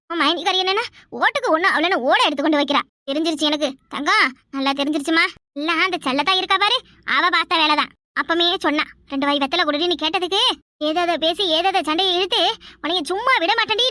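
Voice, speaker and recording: A woman's voice: very high voice, fast, sharp tone, no echo, clean studio sound. A voice actor playing a quarrelsome old village mother-in-law in a cartoon, wailing and complaining melodramatically. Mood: aggrieved.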